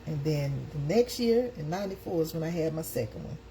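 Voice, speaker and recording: A woman's voice: low voice, lively intonation, brisk, warm tone, slight background noise. A woman, hosting a casual live chat and calling out to her viewers. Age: 50s. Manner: chatty, calls out to viewers. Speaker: live stream host.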